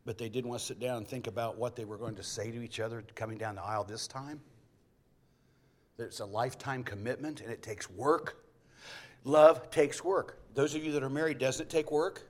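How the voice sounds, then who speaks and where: A man's voice: medium pitch, fairly quick. Folksy male pastor, joking sermon. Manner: folksy storytelling, jokey asides.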